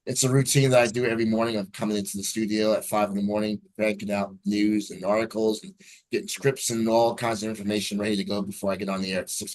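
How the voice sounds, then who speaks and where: A New Jersey man in his forties, a radio news anchor, tells his story as an interview guest over a video call. His voice is fairly low, and he speaks upbeat and fluently despite a low-quality recording.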